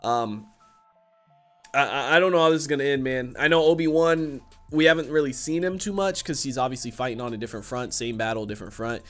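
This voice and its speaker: A man's voice: mid-range voice, a little fast, faint music behind. Casual, slangy young man reacting. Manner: slangy, profane. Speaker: reaction video host. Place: small indoor room with shelves.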